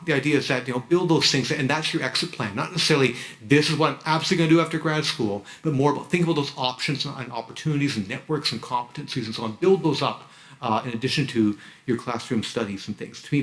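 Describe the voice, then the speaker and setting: A man's voice: mid-range voice, a bit bright, low-quality recording. A man giving a frank advice speech to new graduate students at an orientation, often repeating and restarting his words. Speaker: university orientation speaker. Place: university orientation hall.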